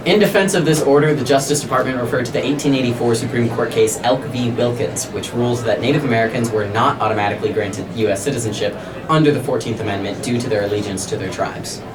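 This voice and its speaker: A man delivers a scripted political satire monologue in the manner of a parody news anchor. His voice sits at an average pitch, and he is sarcastic and rhetorical. The recording is noisy, with the microphone at some distance. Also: fast talker.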